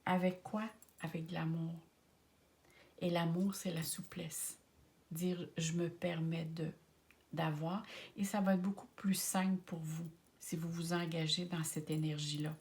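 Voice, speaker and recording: A woman with a Québécois accent giving a tarot card reading, speaking gently and often half in a whisper, affectionate and encouraging with her viewers. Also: fairly low pitch, little pitch movement, a little slow. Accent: Québécois French. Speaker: tarot and oracle card reader.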